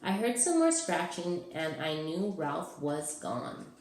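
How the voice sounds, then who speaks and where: Woman storybook narrator: expressive delivery, slow pace, medium pitch, roomy echo. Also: slight background noise. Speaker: teacher reading aloud. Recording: roomy, echoing sound.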